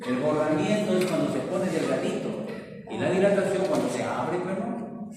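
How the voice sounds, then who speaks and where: A man's voice: a little high, expressive, normal speed, far from the mic, noisy background. A man lecturing a class, quizzing students by name and repeating key answers. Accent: Peruvian Spanish. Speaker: pharmacology lecturer. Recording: roomy classroom echo, recorded from afar.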